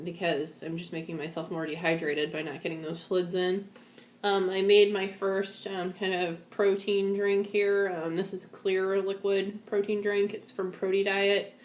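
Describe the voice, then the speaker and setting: A woman's voice: on the low side, slight background noise. A woman talking casually to camera at home, sounding weak, shaky and a bit out of it while recovering from surgery. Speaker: vlogger sharing a post-surgery update. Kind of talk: casual personal video diary. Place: indoors at home. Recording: echoey room.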